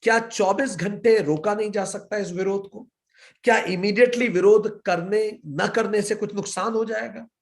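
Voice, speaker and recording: A man's voice: high voice, steady tone, moderate pace. A man giving a spiritual lecture as a yoga philosophy teacher, firing rhetorical questions and mixing English words into his talk. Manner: asks rhetorical questions, then answers them himself; mixes English words into Hindi.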